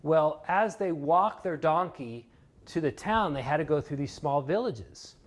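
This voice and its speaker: A man's voice: a little high, lively intonation, unhurried. A man giving a motivational course lecture, telling a fable in an earnest, emphatic storytelling way. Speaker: motivational speaker.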